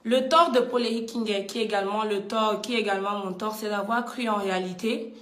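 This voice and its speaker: A woman's voice: medium pitch, fairly even intonation, brisk, reverberant. A woman with a Cameroonian accent ranting in heated commentary, indignant and combative, often repeating herself. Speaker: vlogger.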